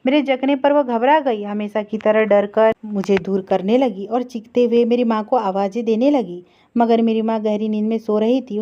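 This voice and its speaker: Female storyteller, earnest steady narration, high-ish voice, lo-fi sound. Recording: dull lo-fi recording.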